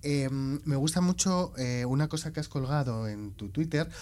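A man from interviewing a writer, asking questions with many hesitant pauses. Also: medium pitch, darkish tone, a little hiss or hum. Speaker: radio interviewer.

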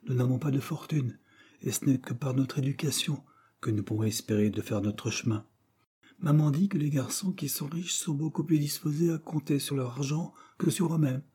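Man reading as a sincere polite schoolboy, raised pitch, mellow and husky tone, eager delivery. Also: moderate pace. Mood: earnest.

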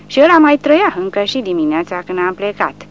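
A woman's voice: mid-range voice, sing-song, natural voice. A woman voicing an old, easygoing male sergeant who speaks indulgently. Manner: indulgent, unhurried. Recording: dull lo-fi with faint hum.

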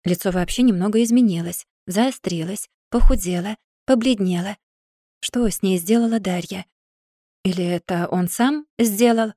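A woman's voice: mid-range voice, moderate pace, warm tone, no echo, clean studio sound. Woman narrating a fairy-tale audiobook.

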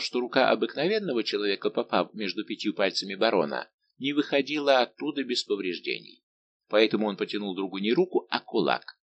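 A man reading a classic adventure novel aloud, telling it in an expressive, dramatic way. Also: fairly low pitch, gravelly, a little hiss or hum. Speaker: audiobook reader. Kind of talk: scripted narration.

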